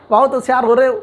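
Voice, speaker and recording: A man teaching engineering mathematics in an online lecture, coaxing the class with constant questions and acting out imagined student objections. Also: extremely high pitch. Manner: brisk, coaxing teacher who asks the class questions and answers them.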